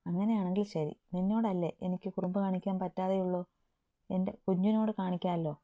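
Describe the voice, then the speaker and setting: A fond young husband in a spoken story, tender and given to teasing, as a woman reader puts him on. The voice sits low and comes through a narrow, tinny band like a phone call. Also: fairly even intonation, fast, dark tone, close to an everyday voice.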